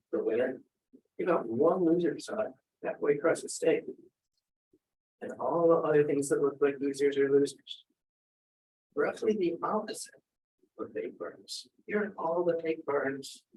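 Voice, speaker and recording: A man's voice: on the high side, measured pace, pauses often, a little mellow, poor audio. A man giving a philosophy talk and answering questions, thinking aloud with frequent restarts. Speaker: speaker. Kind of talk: academic talk and Q&A.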